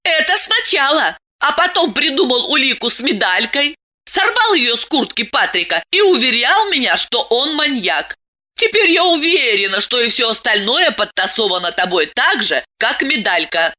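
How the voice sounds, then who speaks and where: A shrill, venomous wife in a storybook reading, put on by a woman narrator, raising her voice high in accusation. The voice is bright and swings widely in pitch. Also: very animated, slow, full character voice. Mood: furious.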